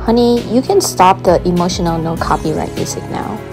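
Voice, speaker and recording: A woman playing a wry, caring wife in an animated series. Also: lowish voice, a little fast, music in the background. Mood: wry teasing. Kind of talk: animated web series dialogue.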